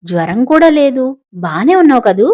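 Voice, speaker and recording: A woman voicing a loud, fussy, scolding middle-aged mother in an audiobook story. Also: fairly high pitch, big pitch swings, fairly quick, muffled recording. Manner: scolding, shouting.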